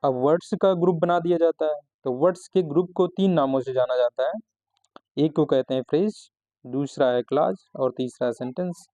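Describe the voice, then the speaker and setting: A man teaching a grammar lesson in a slow, methodical way, restarting his phrases as he explains. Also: fairly high pitch, warm tone, no echo. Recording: slightly dull, lo-fi recording.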